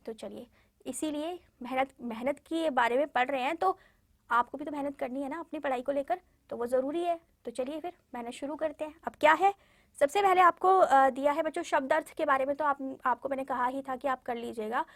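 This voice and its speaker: A woman's voice: high-pitched, a little fast, dry recording, studio quality. A woman teacher giving a lesson to young pupils, patiently repeating words for them to say along and often checking in with them. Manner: frequent "ठीक है" check-ins and fillers. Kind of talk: classroom lesson addressed to children.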